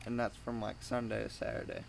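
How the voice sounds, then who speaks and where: Gravelly, flat-toned young man chewing tobacco. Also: lowish voice, noisy background. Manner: talking with a dip of chewing tobacco in his lip; halting, informal, swearing. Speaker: amateur product reviewer. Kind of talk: casual rambling review.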